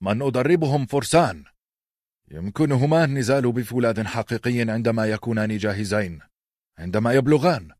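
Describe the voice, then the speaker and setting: A man's voice: fairly low pitch, fairly quick, darkish tone, dry recording, studio quality, natural voice. A man doing a stern old knight. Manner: firm, commanding.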